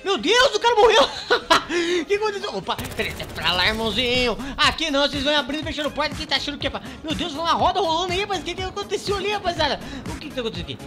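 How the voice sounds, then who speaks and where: A man giving excitable gameplay commentary, exclaiming constantly as he plays. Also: very high-pitched, very fast, few pauses, music in the background. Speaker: gaming channel host.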